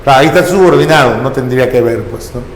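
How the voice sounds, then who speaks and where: A man's voice: mid-range voice, fast, a little hiss or hum. A man teaching a grammar lesson to a class, coaxing students with repeated questions and prompts. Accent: Peruvian Spanish. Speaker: language teacher. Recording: echoey classroom with long reverb.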